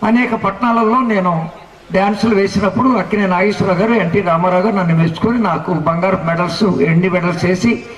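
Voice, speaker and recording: High-voiced elderly man preaching in echoey hall. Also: a bit bright, slight background noise. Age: 70s. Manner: rhythmic rhyming lists, rising to exclamations. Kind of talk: sermon testimony. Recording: echoey hall, mic at a distance.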